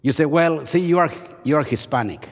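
An older seminary professor delivers a playful, self-mocking chapel sermon at a podium in a large seminary chapel auditorium. His voice is fairly high and a little fast, picked up by the podium microphone with a long hall reverb.

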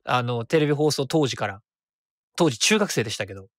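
A man in his thirties with a medium-pitched voice rambles casually on his solo web radio show, correcting himself as he goes. His delivery is quick and animated, and the studio-quality recording carries no room sound.

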